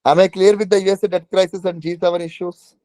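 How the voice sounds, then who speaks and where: South Indian man teaching, higher-pitched voice. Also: flat delivery, fast talker, dark tone, no room sound. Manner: repeats phrases and checks understanding. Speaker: teacher of a current affairs exam class. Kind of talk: informal online lecture with questions to students.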